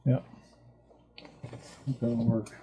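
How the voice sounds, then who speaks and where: Speaking very slowly in a warm, medium-pitched voice that barely rises or falls, a man thinks aloud on a small boat. He's the owner, narrating his repair in a casual DIY way as he works.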